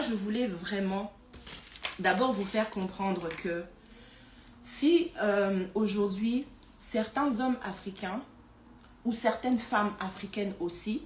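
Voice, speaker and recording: A woman talks casually to her live stream audience, stumbling over repeated words and fillers as she thinks aloud. Her voice sits at an ordinary middle pitch. The sound is roomy and echoey, with a faint hiss underneath. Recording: roomy echo with faint noise.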